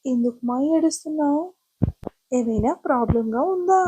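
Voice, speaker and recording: A woman reading the part of a gruff but doting young man, scolding yet tender in an audio storybook. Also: high voice, expressive, normal speed, warm tone, a little hiss or hum, rough recording. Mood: worried scolding.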